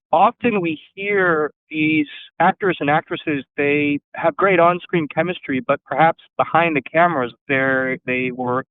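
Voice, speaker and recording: A man's voice: on the high side, no room sound. A man asking a rambling, hesitant question as an audience caller over a tinny line.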